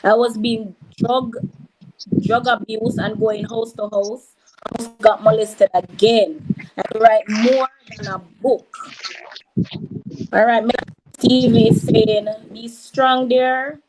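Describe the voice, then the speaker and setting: A woman's voice: on the high side, fairly even intonation, takes it slowly, poor audio. Jamaican woman reading out chat. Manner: reads out viewer comments, shouts out names. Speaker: livestream host reading chat. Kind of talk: casual livestream chat.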